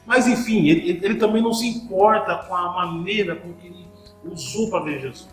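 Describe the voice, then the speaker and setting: A man's voice: sits high, brisk, roomy sound, faint music behind, low-quality recording. A man preaching a sermon, asking the listeners rhetorical questions and often repeating words as he restarts a thought.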